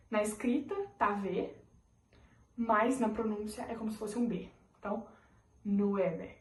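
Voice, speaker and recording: A young woman teaching a Spanish lesson in Portuguese, patient and reassuring as she explains each word slowly. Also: fairly high pitch, dark tone, a little hiss or hum. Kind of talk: language lesson. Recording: echoey room, mic a bit far.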